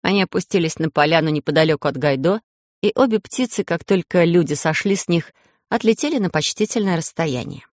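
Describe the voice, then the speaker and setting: A woman's voice: on the low side, brisk, a little mellow, dry recording. A woman narrating a children's story expressively into a close mic. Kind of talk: audiobook narration.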